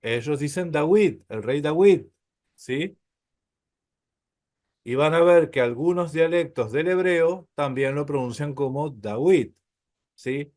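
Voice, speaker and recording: Slow-talking teacher man. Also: a little high, a little mellow. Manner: explains patiently, checks understanding with frequent "¿sí?"; addresses listeners as brothers. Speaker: Hebrew teacher. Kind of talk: classroom lecture on Hebrew.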